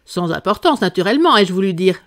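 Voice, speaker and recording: A woman voicing a pompous, blustering fairy-tale king who speaks gravely and often raises his voice. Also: on the high side, lively intonation, normal speed, pitched above the performer's own voice, close to an everyday voice. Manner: grave, pompous, prone to shouting.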